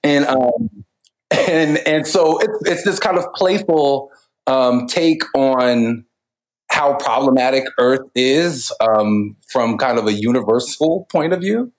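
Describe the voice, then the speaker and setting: A man's voice: medium pitch, slow, rough recording. A man co-hosting a podcast, talking through cultural commentary in a thoughtful way, with frequent laughs and restarts. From United States. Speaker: podcast co-host. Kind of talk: casual cultural commentary chat.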